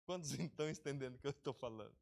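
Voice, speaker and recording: A man preaching a sermon as pastor of an online church service, lively and talking directly to his congregation by name. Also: mid-range voice, racing, creaky. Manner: lively, talks straight to the congregation, calls people by name.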